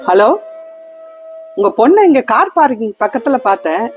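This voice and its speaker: A woman's voice: on the high side, big pitch swings, normal speed, faint music behind. A woman playing a kind stranger who coaxes and comforts in a comedy skit. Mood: caring. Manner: soothing, coaxing.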